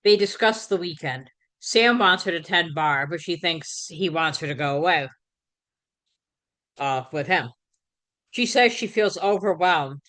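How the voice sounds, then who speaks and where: A woman hosting a podcast, casually recapping a sitcom episode in a conversational way, with fillers and quick self-corrections. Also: on the low side, animated, fairly bright tone. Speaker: podcast host.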